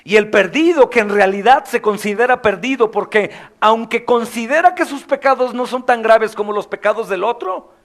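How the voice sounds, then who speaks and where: Male pastor, high voice, Mexican Spanish accent, sermon, hushed to loud swings. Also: moderate pace. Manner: acts out quoted voices and prayers.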